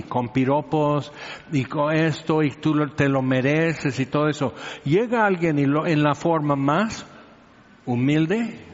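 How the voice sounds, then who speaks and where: Preacher in a reverberant hall. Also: male voice, on the high side. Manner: conversational, teasing, asks the listeners questions. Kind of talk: sermon. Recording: reverberant hall, dull lo-fi sound.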